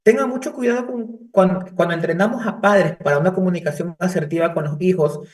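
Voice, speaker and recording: A man's voice: sits high, brisk, darkish tone. A man teaching a psychology class, explaining in a conversational lecture style and illustrating with stories from his cases. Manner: conversational, tells case anecdotes with restarts. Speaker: psychology professor. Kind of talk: university lecture. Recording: distant mic.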